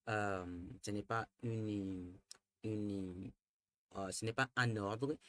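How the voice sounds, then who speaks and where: A man teaching a French lesson, explaining slowly and repeating each point in two languages. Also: on the low side.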